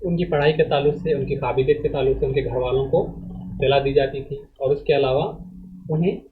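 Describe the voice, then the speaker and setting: A male teacher reads a text aloud to students and explains it, speaking in a measured lecturing way. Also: mid-range voice, fairly even intonation, a little hiss or hum. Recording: phone-like narrow band audio.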